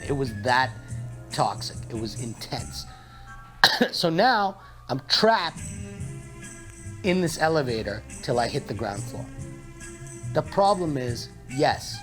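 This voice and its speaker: A young man telling a comic story in a playful, mock-dramatic way. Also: mid-range voice. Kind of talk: comedic storytelling monologue.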